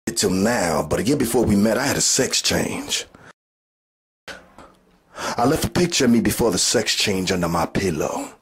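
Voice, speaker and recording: A man's voice: on the low side, big pitch swings, normal speed, long pauses, husky, full character voice. A man playing a blunt, cocky streetwise lover in a comic monologue, talking in brash casual slang.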